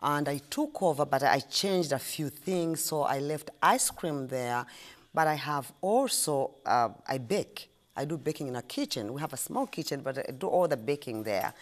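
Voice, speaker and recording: Ugandan-accented woman, middle-aged, low pitch, lively intonation, halting chat. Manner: chatty, halting, with restarts and fillers. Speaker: guest, shop owner. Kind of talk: casual interview chat.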